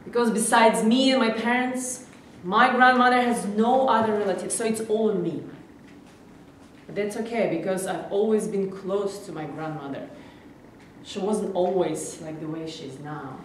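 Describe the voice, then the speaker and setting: In a live staged reading, a woman plays a stubborn, protective adult granddaughter, insistent and emotional, with an earnest, resigned mood. Her medium-pitched, moderately paced voice sounds close to everyday speech. This amateur play reading was captured on a distant mic in a very echoey, reverberant room, with faint noise.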